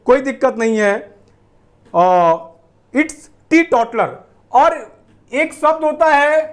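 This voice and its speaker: A male teacher with a very high voice leads a live online vocabulary class. He speaks slowly and deliberately, stretching his words and switching between Hindi and English as he answers viewers one by one.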